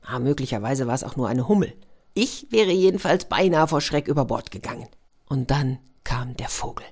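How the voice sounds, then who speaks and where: A middle-aged woman telling a children's story in a lively way, dropping into hushed whispers now and then. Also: a bass voice, normal speed, breathy edge.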